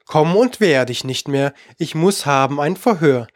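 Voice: mid-range voice, lively intonation, measured pace, dry recording, studio quality, natural voice. A reader voicing a sly, bullying dog from a rhyming storybook tale, bossy and scheming.

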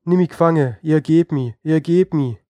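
A man's voice: on the high side, unhurried, warm tone, no echo, natural voice. A man voicing a timid, pompous Swabian leader in a storybook, crying out in Swabian dialect. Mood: terrified.

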